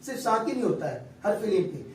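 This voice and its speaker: A man's voice: sits high, sing-song, darkish tone. Male teacher in an echoey room. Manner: patient, explains step by step and often checks understanding. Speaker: Quran recitation teacher. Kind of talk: classroom lecture on Quran recitation rules. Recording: echoey room, distant mic, faint background hum.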